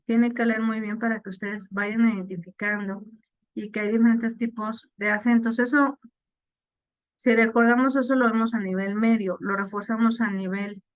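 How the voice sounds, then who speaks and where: A woman's voice: fairly high pitch, steady tone, moderate pace, dry recording. A woman teacher explaining a lesson to her class, checking in often with "ok?". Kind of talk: online class lecture.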